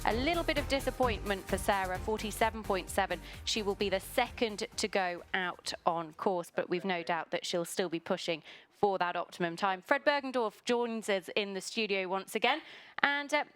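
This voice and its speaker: A woman presenting live equestrian sport from a studio, brisk and upbeat. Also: medium pitch, a bit bright, faint music behind.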